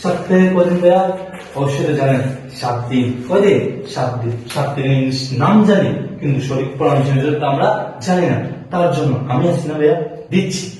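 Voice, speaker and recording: A man's voice: on the high side, fairly quick, warm tone, distant mic, a little hiss or hum. Echoey man teaching in a call-and-response style. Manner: repeats answers in call-and-response questions; spells words letter by letter. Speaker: spoken English teacher. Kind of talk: classroom lesson.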